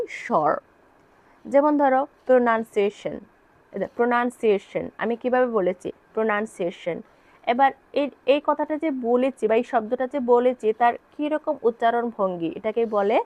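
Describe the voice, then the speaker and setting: A woman teaching spoken English in Bengali, with a Bengali accent, explaining patiently and reading English phrases out slowly. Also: a little high, no echo. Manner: patient, repetitive explanations, checks in with "ঠিক আছে?".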